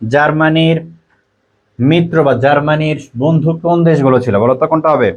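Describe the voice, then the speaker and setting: Bangladeshi tutor drilling quiz questions. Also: male voice, fairly high pitch, fairly quick, dull audio. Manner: repeats questions and options, reads out students' answers. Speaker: admission test tutor. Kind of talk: online quiz lesson.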